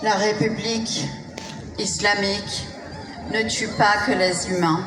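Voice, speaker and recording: A woman interpreting a testimony live, halting and correcting herself as she goes. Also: medium pitch, fairly even intonation. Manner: halting, hesitant, self-correcting. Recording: echoey hall with music.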